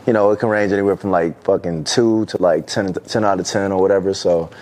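Laid-back low-voiced man, slangy chat. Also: brisk. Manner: relaxed slangy storytelling, laughs easily. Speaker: podcast co-host. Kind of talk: casual chat.

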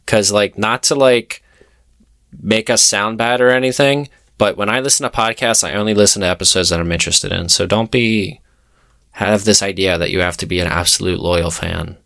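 A man co-hosting a casual podcast, joking in a dry, deadpan way. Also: fairly low pitch, normal speed, vocal fry, no echo. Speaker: podcast co-host and editor.

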